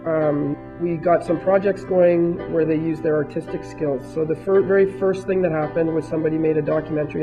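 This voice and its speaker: A woman teacher talks in an even, flat tone in a documentary interview, pausing thoughtfully now and then. The clip sounds dull, with guitar music clearly underneath. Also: sits low. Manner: thoughtful, with filler pauses.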